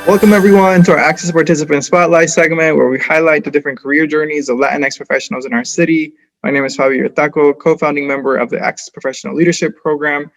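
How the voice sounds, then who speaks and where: A male co-host with a gravelly, fry-tinged voice welcomes a guest. He strings his questions together loosely and cheerfully. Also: a little high, steady tone, fast, hardly any pauses, fairly bright tone, faint music behind, poor audio. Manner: upbeat, rambling questions with restarts. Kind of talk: casual interview hosting.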